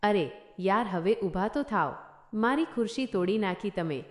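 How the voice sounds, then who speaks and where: A woman's voice: mid-range voice, expressive, unhurried, soft background music, lightly acted. A woman voicing a joking young husband who has just moved in, speaking in a teasing, wisecracking way. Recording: echoey room.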